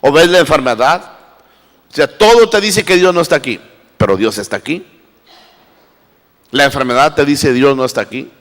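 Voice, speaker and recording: Male pastor, fairly high voice, dynamic sermon delivery on a mic in a reverberant church. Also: expressive, moderate pace, long pauses. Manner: preaching with wide swings between loud and hushed. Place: church hall. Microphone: handheld microphone. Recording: live church recording with long reverb.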